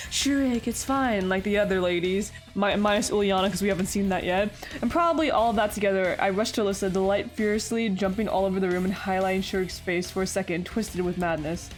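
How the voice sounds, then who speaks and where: A woman reads a visual novel aloud for her playthrough, breaking off into chatty, giggly commentary. Her voice sits in an ordinary middle range. Faint game music plays underneath. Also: medium pitch. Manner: chatty, giggly asides between narration. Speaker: let's play host.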